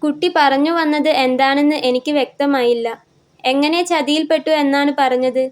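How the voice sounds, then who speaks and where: A woman reading the lines of a calm, helpful adult male auto-rickshaw driver in a story, talking in a reassuring, questioning way. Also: sits high, normal speed, lightly acted.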